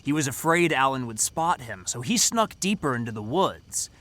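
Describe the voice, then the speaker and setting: Playing a cocky teenage camp counselor in an audio drama, a man tells a scary story with teasing, dramatic delivery and a suspenseful mood. His natural, mid-range voice has lively intonation and a fairly bright tone at normal speed.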